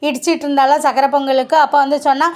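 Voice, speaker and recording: Fast-talking high-voiced woman. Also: flat delivery, a little mellow. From Tirunelveli region, Tamil Nadu. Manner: chatty, addresses viewers directly. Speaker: vlogger. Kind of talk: casual family vlog narration.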